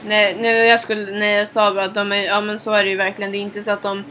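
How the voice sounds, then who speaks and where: A woman's voice: medium pitch, flat delivery, bright, forceful tone. Young woman co-hosting, reacts big, some noise behind her. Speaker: podcast co-host. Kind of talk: casual chat.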